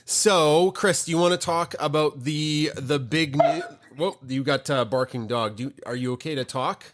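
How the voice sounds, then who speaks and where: A man co-hosting a podcast from home, relaxed and quick to laugh. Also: a little high. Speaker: podcast co-host. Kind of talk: casual chat.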